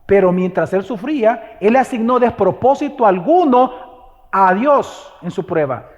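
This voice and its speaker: A man's voice: sits high, lively intonation, measured pace, long reverb tail, highs cut off. A male pastor preaching a sermon in a church, questioning the congregation and driving his points home with emphasis. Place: church sanctuary.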